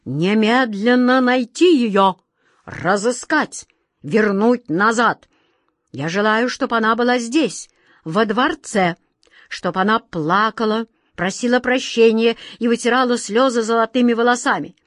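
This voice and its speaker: A woman's voice: a little high, moderate pace, a bit bright, no echo, clean studio sound, close to an everyday voice. A woman voicing a pompous, easily flustered old king who gives orders in a storybook reading. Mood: imperious. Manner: imperious, whiny, easily flustered. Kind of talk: storybook character voice.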